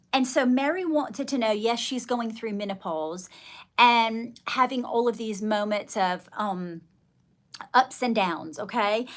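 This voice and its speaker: High-voiced middle-aged woman livestreamer. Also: a bit bright. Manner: effusive greetings and terms of endearment. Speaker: livestream host. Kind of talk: casual livestream chat with viewers.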